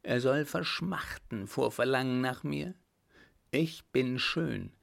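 A man reading an audiobook, voicing a calm, coldly vengeful young woman. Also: mid-range voice, vocal fry, full character voice. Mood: cold resolve. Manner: calm, hard, measured. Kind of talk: audiobook character voice.

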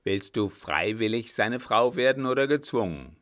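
A man's voice: on the low side, expressive, moderate pace, fairly bright tone. A man playing a heartless, blunt brother. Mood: cold. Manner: blunt, pitiless. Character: callous brother, cold, heartless.

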